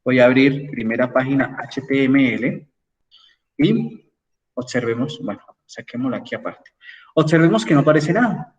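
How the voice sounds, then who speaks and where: A man's voice: mid-range voice, big pitch swings, normal speed, distant mic, lo-fi sound. A man lecturing an engineering class online, explaining step by step and checking in with his students as he goes. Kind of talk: online class with screen sharing.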